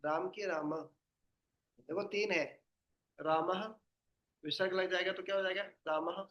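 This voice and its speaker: A man's voice: high voice, fairly even intonation, fairly quick, a bit bright, highs cut off. A man leading a devotional study session, explaining patiently and quizzing his listeners with questions. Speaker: spiritual teacher.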